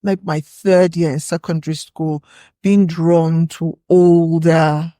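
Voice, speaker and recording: A woman's voice: sits low, flat delivery, takes it slowly, warm tone, no room sound, studio quality. A woman from Nigeria with a Nigerian accent, a podcast guest reflecting on her past in casual conversation. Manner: reflective, recalling memories at an easy pace. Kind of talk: casual interview chat.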